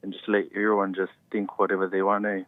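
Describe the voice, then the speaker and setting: A twenty-year-old man with a New Zealand accent, a student caller chatting casually and haltingly. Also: deep voice, monotone, no echo. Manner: halting, ends phrases with "eh". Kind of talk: casual chat. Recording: thin, narrow phone line.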